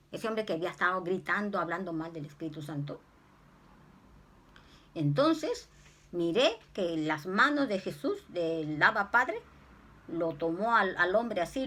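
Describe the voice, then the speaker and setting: Animated preaching woman with lively pitch. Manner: animated, swings into high squeals when quoting herself. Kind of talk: sermon testimony.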